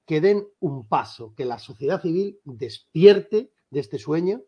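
A man, a lawyer for an association, answers interview questions in a firm, emphatic, insistent way with a husky voice. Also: a little high, expressive, a little slow, dark tone. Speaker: lawyer for a civil rights association.

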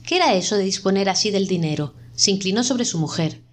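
A woman's voice: medium pitch, lively intonation, fast. Woman narrating a dramatic story. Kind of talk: scripted audiobook narration.

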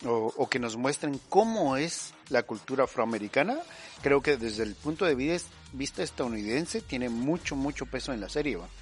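A man's voice: mid-range voice, lively intonation, moderate pace, soft background music. A man, co-hosting a podcast and explaining his views at length with many verbal tags. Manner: talks at length, tags "¿va?" and "pongámoslo así". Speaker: podcast co-host. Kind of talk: casual opinion chat.

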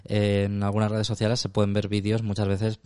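A man's voice: on the low side, monotone, brisk, a little mellow, clean tone, dry recording. A man co-hosting a casual comedic podcast chat, often repeating words as he searches for what to say. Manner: hesitant, repeats words while searching for them. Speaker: podcast co-host.

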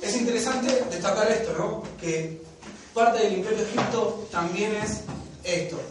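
A man's voice: high-pitched, normal speed, roomy sound, recorded from a distance, background noise. A man with a Rioplatense accent teaching a Bible lesson in a classroom, talking conversationally and often checking in with "¿sí?" and "¿no?". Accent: Rioplatense Spanish. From Argentina.

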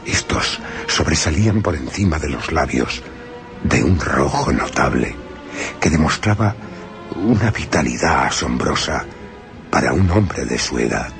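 Over background music, a young adult actor gives a full character voice as a young solicitor telling of his frightening journey in first-person radio drama. His bass is creaky and slightly slow, with lively intonation and a fearful, tense tone.

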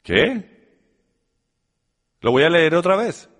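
High-voiced man preaching in a reverberant hall. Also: sing-song, takes it slowly, a bit bright. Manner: emphatic, addresses the audience directly. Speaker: Bible teacher. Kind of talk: teaching sermon.

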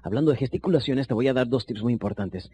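A man teaching sales techniques, shifting between quick bursts and low, slow emphasis while speaking straight to the listener. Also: mellow, breathy edge. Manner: addresses listener directly as compañero. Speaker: sales trainer. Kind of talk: recorded sales seminar lesson.

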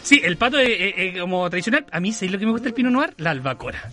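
Lively high-pitched Chilean man. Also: fast, soft background music. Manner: animated, laughs often. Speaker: co-host. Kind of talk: casual chat.

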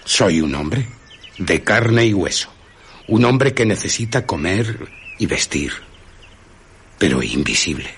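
An actor playing an invisible man who talks calmly and curtly, with a menacing edge, in a radio drama. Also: low-pitched, takes it slowly, gravelly, long pauses, slight background noise, exaggerated voice. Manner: calm, curt, menacing. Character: invisible man, impatient and commanding.

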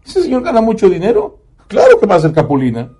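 A man's voice: wildly swooping pitch, quick pace, dark tone, breathy edge, exaggerated voice. A man voicing a foul-mouthed, protective mother in a raised voice with a Mexican accent. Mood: reassuring. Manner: high voice, blunt and scolding.

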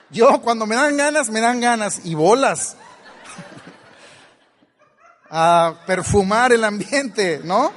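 A man's voice: high-pitched, long reverb tail. A man with a Mexican accent giving a playful motivational talk to an audience, acting out voices and laughing often. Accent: Mexican Spanish. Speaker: motivational speaker.

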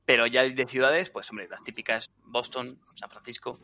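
A man chatting excitably on a podcast, casually swearing. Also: medium pitch, moderate pace, a little hiss or hum. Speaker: podcast co-host. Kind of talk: casual chat. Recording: dull lo-fi sound.

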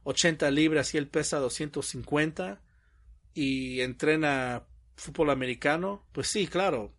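A man's voice: on the high side, unhurried, fairly bright tone. A young man chatting casually, telling stories animatedly and acting out quoted dialogue with frequent laughs. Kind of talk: casual chat.

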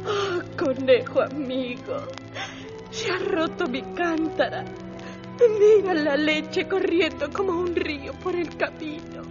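A woman's voice: high-pitched, very animated, takes it slowly, heavily acted. Woman playing a weepy young milkmaid. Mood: wailing. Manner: wailing, self-pitying. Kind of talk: children's radio play. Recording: dull radio sound with music.

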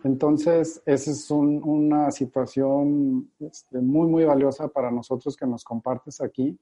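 A man's voice: medium pitch, steady tone, unhurried, warm tone. A man hosting a podcast, encouraging his guest with long, talkative questions. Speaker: podcast host. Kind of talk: interviewing. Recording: dull lo-fi audio.

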